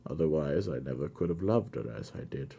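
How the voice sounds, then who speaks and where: A man's voice: very deep voice, animated, fairly quick, creaky, mellow, slightly rough, voice pushed down, heavily acted. A man voicing a hurt, middle-aged carrier in a storybook reading, speaking in a faltering, grieved way.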